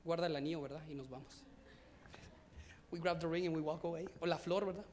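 Pastor guy preaching, says everything twice, stumbles on words, goes loud then soft. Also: a little high, steady tone, a little fast, slight background noise. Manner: repeats each phrase in a second language; stammers and restarts. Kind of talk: bilingual sermon.

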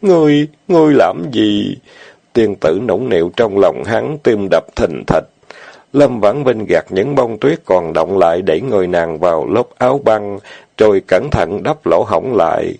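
A man narrating an audiobook novel in a steady, plain reading. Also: deep voice, unhurried, vocal fry, no echo. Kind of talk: storytelling narration.

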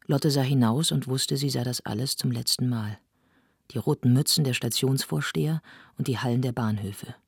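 Husky woman reading a novel aloud. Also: rumbling low, no echo, studio quality. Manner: measured, serious narration. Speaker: audiobook narrator. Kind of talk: literary audiobook reading.

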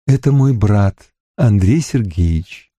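A man reading the part of a calm, gentle eldest sister in an audiobook, close to his own voice. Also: fairly low pitch, takes it slowly, no room sound, voice pushed down.

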